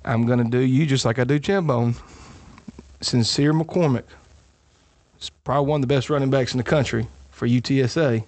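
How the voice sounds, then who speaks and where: A man co-hosting a casual sports podcast, boasting as he lays out his picks. His voice sits at a middle pitch and is recorded dry and close, with no room sound. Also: a little mellow, dry recording. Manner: boastful, joking, drawn-out picks. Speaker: podcast co-host. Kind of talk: casual sports betting chat.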